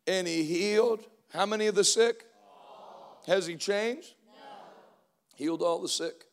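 A man in his forties preaching a sermon, energetic and joking, calling out to the congregation for responses. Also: sits high. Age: 40s. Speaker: pastor.

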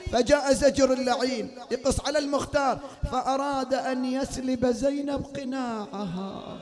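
Very high-voiced man chanting a lament. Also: long reverb tail. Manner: swings between spoken narration, wailing chant and shouted outbursts. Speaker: mourning reciter. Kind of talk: lamenting sermon with chanted verses. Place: mourning hall before a gathering.

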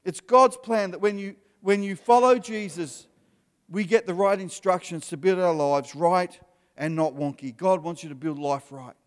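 Man, 50s, youth preacher, high animated voice, long hall echo. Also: normal speed. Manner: animated, emphatic preaching with rising bursts. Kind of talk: sermon to young people. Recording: live hall with long reverb, soft music behind.

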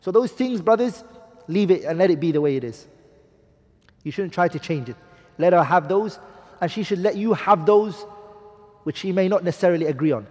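Man lecturing, high voice, emphatic, rhetorical questions, quotes Arabic, long hall reverb. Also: lively intonation, a little fast, long pauses, a little mellow. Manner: quotes Arabic hadith and poetry. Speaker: Islamic teacher. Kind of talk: classroom lecture on marriage.

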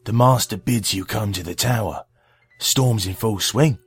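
An actor playing a hunched, squat male servant with a rasping, croaking voice and a sly, fawning manner. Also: lowish voice, a little slow, no room sound, soft background music. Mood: taunting. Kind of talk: audio drama acting.

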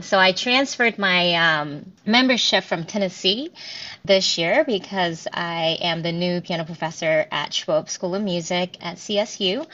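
Thirtyish woman professor chatting easy w lots of ums, kinda muffled low-fi sound. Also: fairly bright tone. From Korea, raised in New Jersey. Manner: chatty, many ums and restarts. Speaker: piano professor, guest. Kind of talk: casual interview answers. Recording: dull lo-fi audio.

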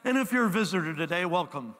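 A man's voice: high-pitched, expressive, fast, fairly bright tone, big-room sound. A man preaching as pastor, emphatic and repetitive, leading his congregation in call-and-response. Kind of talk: sermon. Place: church sanctuary.

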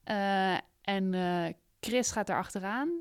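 Female guest, crisp voice, dry close sound, halting and reflective in a book chat. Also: mid-range voice, dry recording. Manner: hesitant, many fillers. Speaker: discussion guest. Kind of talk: casual book discussion.

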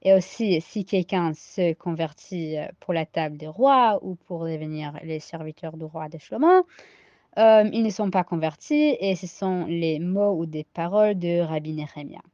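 A woman with an American accent, sick with a cold, teaching a daily Talmud lesson. She reads each Aramaic line and then translates it haltingly, with many fillers. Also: lowish voice, mellow, no echo. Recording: dull lo-fi sound.

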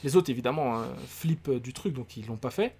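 A man's voice: mid-range voice, a little fast, husky. Slangy young Frenchman telling a story. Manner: slangy, animated storytelling with quoted voices. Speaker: podcast co-host. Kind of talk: casual storytelling chat.

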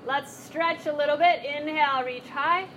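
A woman's voice: sits high, moderate pace, fairly bright tone, slight background noise. A woman leading a live chair yoga class, cueing breaths and moves in a playful, encouraging way. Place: class room with group.

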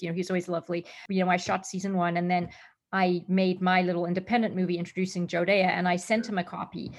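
A middle-aged actress from Zimbabwe and Australia, chatting in an interview with lots of fillers and restarts. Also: female voice, lowish voice. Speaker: actress guest. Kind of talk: casual interview answers.

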